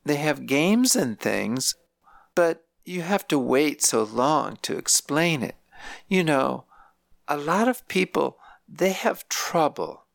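In a slow, animated delivery, a narrator voices a frail elderly grandmother in a nursing home, complaining plaintively and softly with a weary mood. The medium-pitched voice is creaky and pushed up, and the older speaker is recorded with no room sound.

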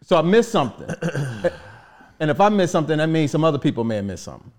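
A man's voice: on the high side, big pitch swings, quick pace. Playful man hosting a podcast chat. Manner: playful, steers the talk back to the process. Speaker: podcast host. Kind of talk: casual interview chat.

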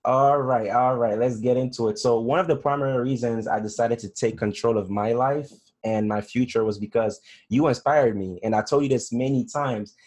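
A man hosts a casual podcast. His pitch is average for a man. He speaks informally, like someone chatting with a close friend, and often drops in small conversational tags. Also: steady tone, normal speed, few pauses, darkish tone. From Togo. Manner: informal, peppered with "you know" and "bro". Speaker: podcast host. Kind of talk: casual interview hosting.

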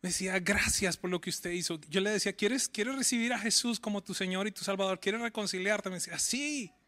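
A man preaching a sermon with a high, bright voice. He pleads through rising questions and slips into quick, conversational storytelling. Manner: tells stories in a quick conversational voice. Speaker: pastor.

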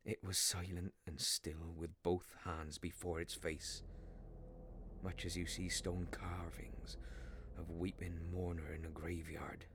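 An actor's low voice, with little pitch movement, carries the tale of a troubled railway signalman haunted by a spectre in a radio adaptation of a Victorian ghost story. Amid background noise, he speaks gravely and haltingly, filled with dread, shifting between hushed drops and anguished outbursts.

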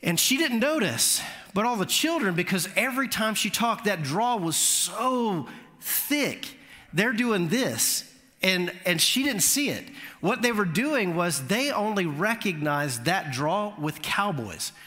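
A man preaching a sermon, telling a lively story and rising in pitch at the funny moments. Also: unhurried. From Florida. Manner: animated storytelling, voice climbing high at punchlines. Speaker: pastor. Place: church sanctuary. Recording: long hall reverb.

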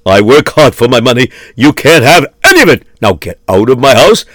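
Excitable miser, played by a man, lively pitch, fussy then explosive. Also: a little fast, dry recording, studio quality. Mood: indignant.

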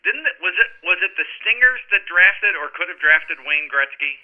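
A man's voice: high-pitched, animated, moderate pace, phone-quality sound. A man from Ohio who works as a radio personality, joking wryly as a guest on a sports chat. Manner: wry, joking.

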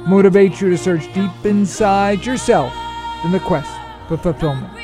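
A man with a Brooklyn accent hosting a radio interview show, speaking in formal, deliberate, courteous phrases. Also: sits high, over music. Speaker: radio show co-moderator and host. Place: radio studio.

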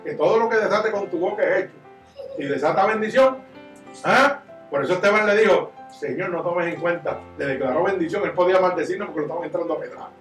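A man preaching a sermon as pastor, impassioned and swinging from loud to hushed. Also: sits high, fast, recorded from a distance. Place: church. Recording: echoey church room, miked from afar, soft guitar behind.

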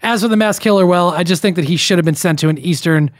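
In this casual podcast exchange, a young male co-host reads out emails from listeners, adding running comments and restarting often. His voice sits high and his pace is quick, captured cleanly in a studio with no room sound.

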